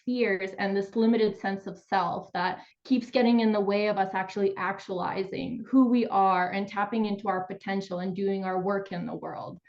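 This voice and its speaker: A woman's voice: medium pitch, highs cut off. A woman from Ukraine, a somatic therapist and coach, telling her story openly as a guest on a call-in interview. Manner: candid, open storytelling.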